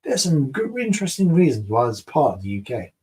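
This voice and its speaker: A man talks casually with his viewers as he reviews beer. He rambles and mumbles, drifting from one thought to the next. His pitch sits in the ordinary middle range for a man. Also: sing-song, a little fast, darkish tone. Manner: rambling and mumbling, self-mocking. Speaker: beer reviewer and channel host. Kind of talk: casual live-stream chat, reading viewer comments.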